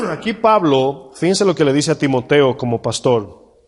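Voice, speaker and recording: A man preaching a sermon as pastor, putting questions to the congregation and reading scripture slowly and with emphasis. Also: a little high, lively intonation. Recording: church hall reverb.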